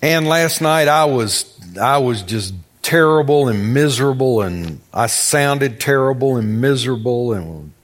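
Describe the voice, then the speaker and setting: An American man preaches a sermon in a folksy, conversational manner, telling stories, repeating phrases for emphasis and posing rhetorical questions. His voice is mid-range.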